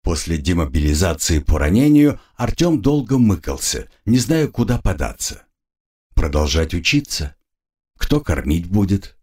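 A man reads a novel aloud in a grave storytelling manner. His voice is husky and fairly low, and his pitch moves in lively swings. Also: measured pace. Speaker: audiobook narrator. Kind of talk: scripted narration.

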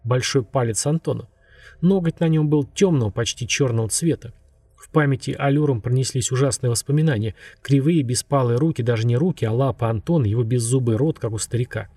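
A man with a husky voice narrating a story in a steady, measured way. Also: medium pitch, no echo. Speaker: audiobook narrator. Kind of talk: scripted narration.

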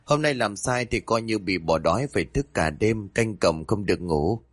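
A man's voice: on the low side, expressive, moderate pace, no echo. A man voicing a humble, grateful young male servant in a spoken ghost story, complaining plaintively about past hardship.

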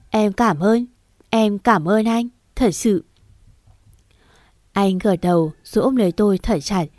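A woman narrating a romance novel in the first person, in a calm, even storytelling manner. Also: medium pitch, no echo, studio quality. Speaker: audiobook narrator.

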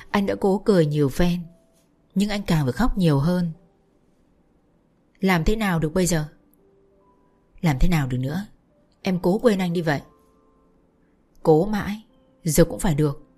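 A woman reading a story aloud, voicing a gentle, heartbroken young man who speaks in sorrowful, resigned tones. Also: fairly low pitch, moderate pace, pauses often, slightly rough, soft background music. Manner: sorrowful, choked pleading.

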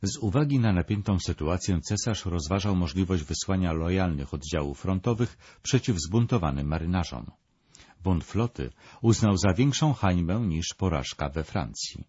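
Low husky male documentary narrator. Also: expressive, moderate pace, darkish tone, no room sound. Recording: dull, lo-fi dry voice-over.

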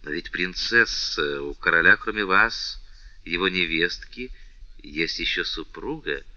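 A man playing a respectful, lovesick count who speaks with calm restraint, on a dull, dry recording. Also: sits low, unhurried, no echo, voice pushed down, heavily acted. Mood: restrained respectful.

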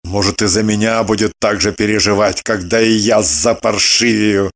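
A voice playing a fastidious, squeamish middle-aged husband in a storybook reading, snapping clipped, grudging retorts. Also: male voice, mid-range voice, lightly acted. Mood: grumbling. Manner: sharp, clipped retorts through gritted teeth.

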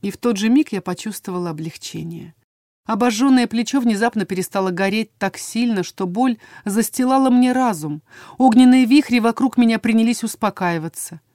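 A woman narrating a first-person fantasy audiobook in a dramatic, expressive reading, close on the mic. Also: a little high, fairly quick, no echo.

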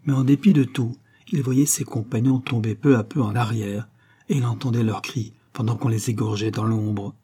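A man narrating a historical novel in a measured, expressive reading. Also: medium pitch, slightly rough. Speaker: audiobook narrator. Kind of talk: scripted narration.

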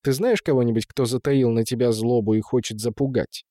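A man reading an audiobook, voicing a measured, matter-of-fact male police inspector. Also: medium pitch, fairly even intonation, dark tone, no room sound, clean studio sound, close to an everyday voice.

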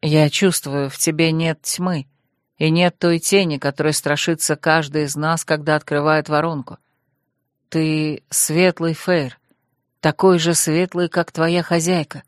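A woman reading aloud who voices a young male mage, dropping her voice low and speaking earnestly and with measure. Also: flat delivery, unhurried, no echo, studio quality. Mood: gentle. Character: young male mage, wary then apologetic.

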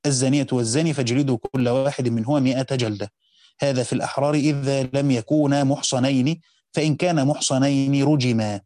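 An Egyptian man reads a classical text at a rapid clip in a mellow, dark voice. He pauses to explain grammar in a slower, conversational tone. The recording is dry and close to the mic. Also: medium pitch, fairly even intonation, no echo. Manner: reads quickly, slows down to explain points of grammar. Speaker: teacher reading and explaining a Quran commentary. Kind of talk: reading a classical text aloud with spoken explanations.

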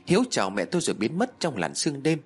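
Man, husky voice, expressive pitch, tense dramatic horror storytelling. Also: fast talker, faint music behind. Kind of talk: first-person horror story narration.

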